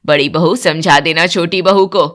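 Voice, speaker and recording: A woman's voice: on the low side, fairly even intonation, normal speed, a bit bright, pitched below the performer's own voice, lightly acted. A woman voicing a strict older mother-in-law who lays down the house rules in a cartoon story. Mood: stern.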